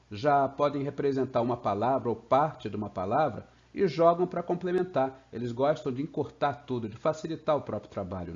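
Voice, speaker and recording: A Brazilian man teaching English in a playful video lesson, slowly stretching out example sounds. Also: medium pitch, a little mellow. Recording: slightly dull lo-fi sound.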